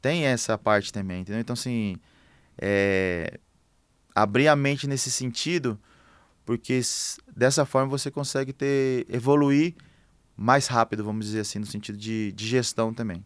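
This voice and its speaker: Guy on a podcast, smooth voice, lots of "é" and restarts, dry close mic. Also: medium pitch, no echo. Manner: halting, thinks aloud with many fillers. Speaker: construction manager guest. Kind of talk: casual podcast interview.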